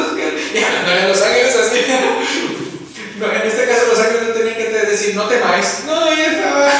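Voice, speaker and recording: A man's voice: high voice, a bit bright, recorded from a distance, slight background noise. A man preaching a sermon in a church, reading scripture and asking his congregation questions in a conversational way. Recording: echoey church hall, mic from afar.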